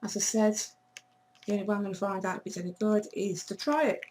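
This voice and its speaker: A woman chatting casually to camera in a vlog, her voice hoarse and failing, blunt and swearing now and then. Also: medium pitch, level tone, fast, darkish tone, slight background noise, rough recording. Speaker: vlogger.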